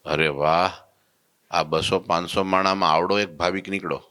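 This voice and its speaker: A man giving a storytelling sermon in a folksy, animated way, slipping into voices for his characters. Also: deep voice, normal speed. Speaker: preacher giving a religious discourse.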